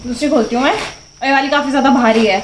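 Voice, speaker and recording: Young woman, home vlogger, high bright voice, giggly storyteller, echoey room, faint hiss. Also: steady tone, fast talker. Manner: giggly, chatty, breaks into laughter telling stories. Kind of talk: casual vlog chat and storytelling. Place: home, kitchen.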